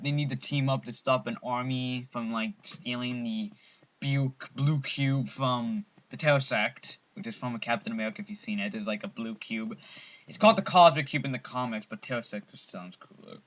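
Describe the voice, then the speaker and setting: A man with a bright, forceful voice talks through a movie review in a loose, unscripted way. He stumbles and restarts often, filling the gaps with ums while staying eager about the film. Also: medium pitch. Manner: rambling, full of ums and restarts; enthusiastic fan. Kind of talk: casual spoken film review.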